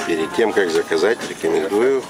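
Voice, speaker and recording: A man's voice: low voice, brisk, over music. A man giving casual, offhand commentary on a camera mic while riding inside a tram cafe. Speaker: vlogger filming a tram cafe ride. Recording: loud tram rattle and crowd chatter. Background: chatter and rattling tram noise.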